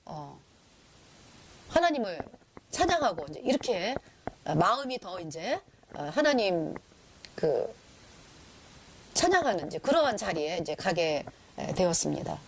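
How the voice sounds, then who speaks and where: A woman's voice: on the low side, big pitch swings, unhurried, long pauses, crowd noise. A woman preaching a sermon, explaining with many fillers and acting out quoted prayers. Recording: faint background noise.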